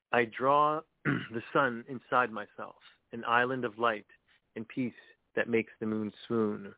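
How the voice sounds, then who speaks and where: A man's voice: mid-range voice, creaky, no room sound. A man calling in to a radio show over the phone, chatting casually and laughing easily, then reading his poems aloud. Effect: heard over a phone line on a radio show. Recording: tinny phone line, dry.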